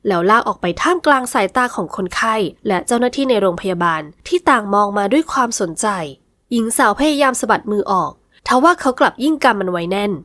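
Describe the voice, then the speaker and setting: A woman narrating a romance novel in smooth, scripted storytelling. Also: fairly high pitch, animated, brisk, a bit bright, dry recording, clean studio sound. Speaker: audiobook narrator.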